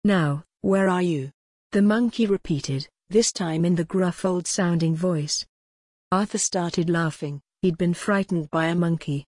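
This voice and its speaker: Low husky woman reading a storybook. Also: unhurried, a little mellow, no room sound. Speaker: audiobook narrator.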